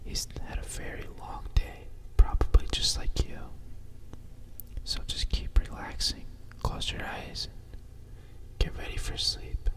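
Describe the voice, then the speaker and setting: A storyteller whispers a bedtime picture book softly and soothingly, right in the listener's ear, in an unhurried ASMR style. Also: far from the mic. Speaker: storyteller reading a picture book aloud with asides.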